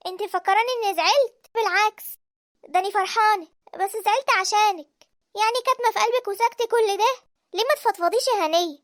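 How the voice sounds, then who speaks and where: Sara, a lively young Egyptian woman, voiced by a woman. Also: very high voice, quick pace, no echo, studio quality. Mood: heartfelt. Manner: animated, expressive. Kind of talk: cartoon voice acting.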